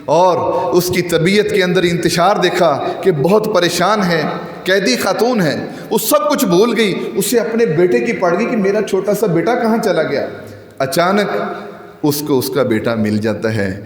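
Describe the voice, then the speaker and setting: Impassioned male preacher in an echoing hall. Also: animated. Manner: impassioned, with wide swings in pitch; slows down to recite scripture. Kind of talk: Friday sermon. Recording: echoey hall with long reverb.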